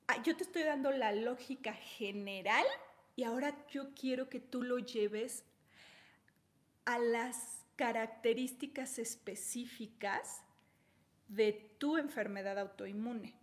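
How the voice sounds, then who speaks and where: A woman's voice: fairly high pitch, slow pace. A woman giving a conversational teaching talk on health, telling examples and checking in with little tag questions. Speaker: holistic health speaker.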